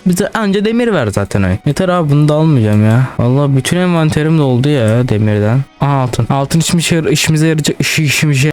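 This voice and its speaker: A man giving casual let's-play commentary, excitable, swearing and talking straight to his viewers. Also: fairly high pitch. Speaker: gaming channel host.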